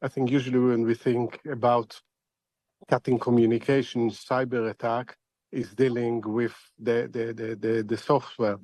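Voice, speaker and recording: This middle-aged man is an expert analyst in a news interview, speaking in a halting, deliberate way and circling back over words as he thinks. His medium-pitched voice is level in tone and a little mellow. The recording is dry, with no echo.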